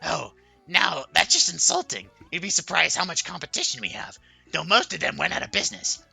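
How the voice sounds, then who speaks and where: A sly, gravelly, low-voiced lady. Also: fairly quick, faint music behind, full character voice. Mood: indignant. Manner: sly, deadpan, sing-song. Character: teasing, blunt adult woman writer. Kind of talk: video game voice acting.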